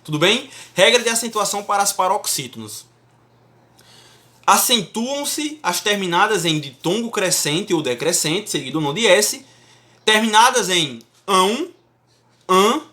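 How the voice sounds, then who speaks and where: A man's voice: high voice, big pitch swings, unhurried, pushed and bright. Emphatic male Portuguese teacher. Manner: emphatic, checks in often with the class. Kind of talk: classroom-style lecture.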